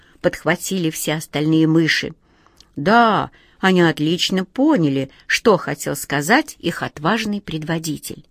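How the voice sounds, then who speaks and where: A woman reading a children's storybook aloud with a lively, expressive manner. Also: mid-range voice, dry recording, clean studio sound.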